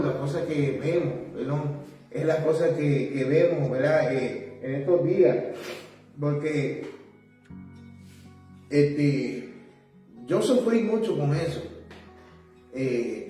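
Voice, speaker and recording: A man giving his testimony as an evangelist in an interview. He talks in a halting, earnest way and keeps checking in with tag questions. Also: medium pitch. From Puerto Rico. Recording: very echoey room, distant mic, soft music.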